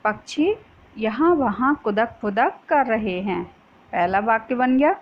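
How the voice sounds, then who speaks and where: With a fairly high, animated voice and a measured pace, a woman teaches young pupils a school lesson, patiently raising questions only to answer them herself. The audio is dull and lo-fi, with a bit of faint noise.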